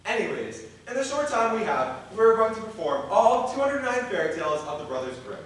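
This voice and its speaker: A teenage boy plays a dry, sarcastic stage narrator with a high voice that swings up and down. He is heard from far off in a booming, echoey school hall. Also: sing-song, brisk, a bit bright, a little hiss or hum. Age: late teens.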